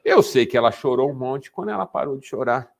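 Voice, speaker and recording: A man's voice: medium pitch, brisk, creaky. A Brazilian Portuguese-speaking man giving a sermon-style talk to a men's group, telling stories and acting out the dialogue. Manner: animated storytelling, acting out dialogue.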